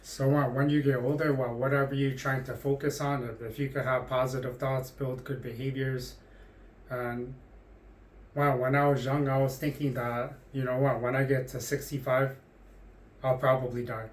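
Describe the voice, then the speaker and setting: A man's voice: medium pitch, level tone, moderate pace, echoey room. A man of forty talking casually to the camera, rambling with frequent restarts and hesitations. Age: 40s. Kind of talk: casual monologue.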